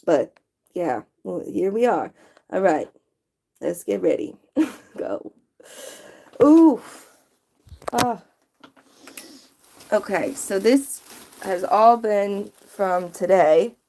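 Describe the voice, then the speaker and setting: A woman's voice: medium pitch, animated, slow, gravelly, long pauses, mellow. A woman chatting casually on a late-night livestream, sleepy and yawning, rambling from one thought to the next.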